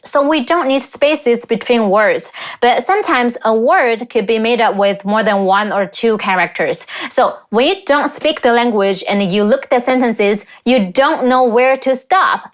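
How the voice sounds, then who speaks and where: A young woman from China talks through clips as a language teacher. She breaks words down and repeats sounds slowly to demonstrate tones, in a slightly high voice. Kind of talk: reaction video with pronunciation lesson.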